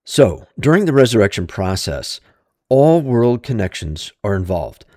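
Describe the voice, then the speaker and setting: A text-to-speech male voice that claims to be human, reading an audiobook in a measured, even way. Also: on the low side, dry recording, studio quality. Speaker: audiobook narrator.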